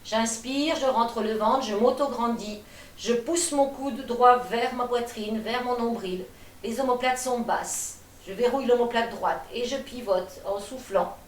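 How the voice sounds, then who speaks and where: A high-voiced woman leads a gentle gym class. She calmly cues each inhale and exhale while demonstrating the moves. Her voice sounds echoey and a bit distant from the mic. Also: unhurried, a little hiss or hum. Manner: calm, cueing breaths, demonstrating as she talks. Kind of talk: guided exercise class.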